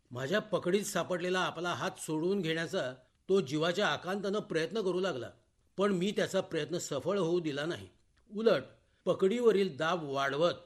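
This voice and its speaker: A man reading a short story aloud for radio, in a measured, expressive way, voicing the dialogue himself. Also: on the high side. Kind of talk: scripted story narration. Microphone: studio microphone.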